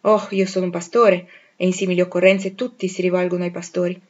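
A woman's voice: on the low side, level tone, fast, a little mellow, close to an everyday voice. A woman voicing a stern, reserved young male pastor who talks coolly and evasively, with dry irony. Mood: reluctant, evasive. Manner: cool, evasive, dryly ironic. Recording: dull lo-fi recording.

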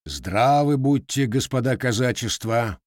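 A man's voice: medium pitch, measured pace, no echo, studio quality, lightly acted. A man voicing a proud, blunt male Cossack blacksmith in an audiobook, curt and contemptuous. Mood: stern.

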